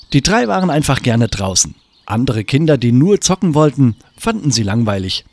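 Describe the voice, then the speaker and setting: Guy reading a kids story, husky voice, pitch goes all over, really lively. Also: no echo. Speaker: narrator. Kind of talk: children's storybook narration.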